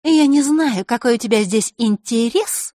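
A woman's voice: high voice, animated, normal speed, no echo, studio quality, voice pushed up. A woman voicing a scheming teenage girl who taunts her rival in a sneering way. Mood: mocking.

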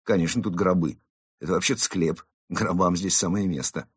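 A man voicing a scornful, sharp-tongued cat in a storybook reading. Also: low-pitched, normal speed, slightly rough, dry recording, studio quality. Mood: mocking. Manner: mocking and scornful. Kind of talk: audiobook character reading.

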